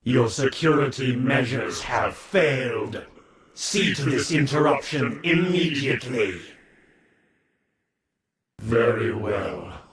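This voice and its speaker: An actor playing an undead tyrant king in a fantasy video game, with a dark, sneering, gloating and commanding manner. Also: mid-range voice, animated, takes it slowly, long pauses, roomy sound, a crowd in the background. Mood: imperious menace. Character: undead Lich King, cold gloating male tyrant commanding his army.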